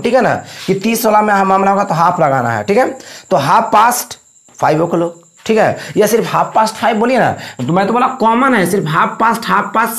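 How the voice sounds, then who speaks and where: High-voiced man teaching English in Hindi. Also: creaky, fairly bright tone. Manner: repetitive, explaining with frequent check-ins. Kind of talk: spoken English lesson in Hindi.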